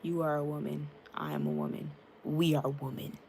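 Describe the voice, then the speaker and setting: A woman's voice: low-pitched, sing-song, normal speed, gravelly, warm tone, a little hiss or hum. A young woman chatting frankly with her live-stream viewers, greeting them by name and using lots of fillers, into a tablet mic. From United States. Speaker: livestreamer.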